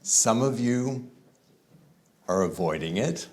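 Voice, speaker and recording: A man speaking to a room of pastors at a conference, conversational and easygoing, leaning on words and slowing down for emphasis. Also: mid-range voice, lively intonation. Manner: conversational, with varied emphasis and deliberate slow stretches. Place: conference room with live audience.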